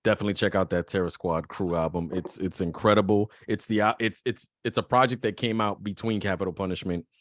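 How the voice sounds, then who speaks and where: A man co-hosting a podcast, low in pitch, talking eagerly with plenty of restarts and questions for the others. His voice sounds close and completely dry. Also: fairly even intonation, fast, few pauses, dry recording. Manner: enthusiastic, full of fillers and restarts, asks co-hosts questions. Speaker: podcast co-host. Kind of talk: casual podcast chat about hip hop.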